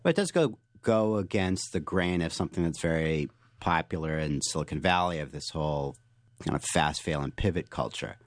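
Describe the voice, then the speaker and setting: A man with a very deep voice answers interview questions. He tells stories and explains ideas with energy, often restarting his sentences. The sound is dry and close. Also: moderate pace, no room sound. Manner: animated explainer, frequent restarts and fillers. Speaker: author and guest.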